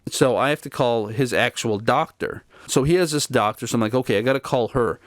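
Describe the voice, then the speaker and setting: A man talks straight to camera in a casual, worn-out voice, sounding fed up as he walks through what happened. His pitch sits in a middling range. The sound is dry and close, with no room echo. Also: fairly quick. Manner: weary, exasperated retelling of events. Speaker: channel host.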